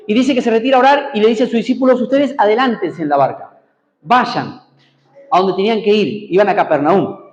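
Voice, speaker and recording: A man's voice: high-pitched, brisk, echoey room, muffled recording. A man preaching a sermon in a church, prompting the congregation to repeat after him and answer amen. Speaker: pastor. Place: church hall.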